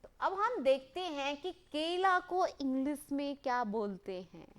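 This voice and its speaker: A woman leads a lesson for young children, her voice high and swooping widely up and down. She speaks slowly, prompting the class with questions and drawing out key words for them to repeat in call and response. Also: lively intonation. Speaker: teacher.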